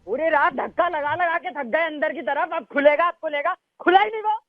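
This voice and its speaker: A man on a phone call, angry and insulting, shouting at the caller. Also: very high voice, fairly quick, no room sound. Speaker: prank call victim. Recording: tinny phone line.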